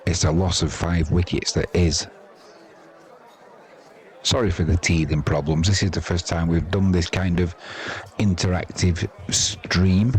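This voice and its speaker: Over the noise of a stadium crowd, a man from England hosts a stream and commentates live cricket in a chatty, informal way, tossing in wry, colloquial remarks. His voice is low-pitched with a darkish tone.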